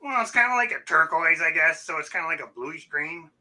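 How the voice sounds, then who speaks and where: A man doing a bright friendly closet monster. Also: fairly high pitch, lively intonation. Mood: easygoing. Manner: halting, says uh a lot, mild and polite. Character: friendly furry male closet monster, middle-aged.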